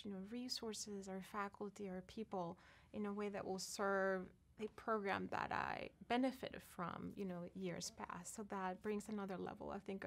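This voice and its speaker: A woman's voice: medium pitch, creaky. A woman, a professor talking thoughtfully in an interview, with many "you know"s. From Venezuela. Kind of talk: conversational interview.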